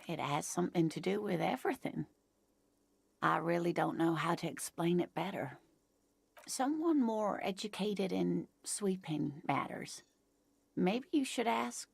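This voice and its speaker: An actress voicing a kindly woman in a game who gently explains the city's history and calls the listener sweetie. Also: fairly low pitch, lively intonation, measured pace, pauses often, full character voice. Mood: gentle. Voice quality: gravelly, gentle and motherly. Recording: dry studio game dialogue.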